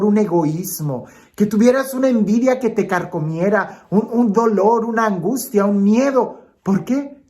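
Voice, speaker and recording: A priest giving an Advent homily, slow and dramatic, moving from emphatic lines to hushed ones. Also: male voice, sits high.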